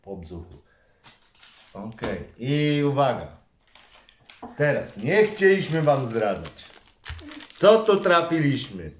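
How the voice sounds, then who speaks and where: A man's voice: medium pitch, big pitch swings, slow pace, pauses often, a little hiss or hum. A man, a father hosting a toy unboxing video with his son, who talks to viewers and builds suspense with playful energy. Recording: echoey room.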